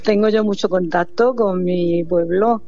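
An older woman from Almería with an Andalusian accent, chatting warmly as a caller on a night radio show, laughing often. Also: fairly low pitch, fairly even intonation, unhurried, lo-fi sound, music in the background. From Almería, Spain.

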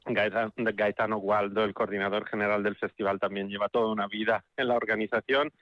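Italian-accented man, lowish voice, thoughtful radio guest, dull dry sound. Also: flat delivery, brisk, no room sound. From Italy. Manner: thoughtful, repeats words as he searches for them. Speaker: festival director and spokesperson. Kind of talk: radio interview.

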